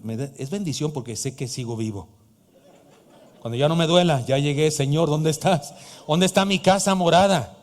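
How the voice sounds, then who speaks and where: Mexican pastor, 50s, somewhat high voice, preaching with jokes, long church reverb. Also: male voice, darkish tone. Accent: Mexican Spanish. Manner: emphatic preacher, joking asides to the congregation. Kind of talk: sermon. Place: church hall.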